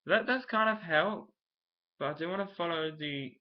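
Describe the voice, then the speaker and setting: A man's voice: on the high side, normal speed. A young man chatting casually to camera in a vlog, rambling and thinking aloud with frequent restarts. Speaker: vlogger. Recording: dull lo-fi home recording.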